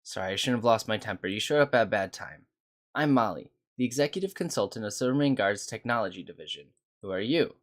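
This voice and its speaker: A man's voice: on the low side, animated, quick pace, natural voice. A man reading aloud the lines of a short-tempered young female technical consultant, snappish and complaining. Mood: grumpy. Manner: snappish, complaining, then apologetic. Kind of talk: reading game dialogue aloud.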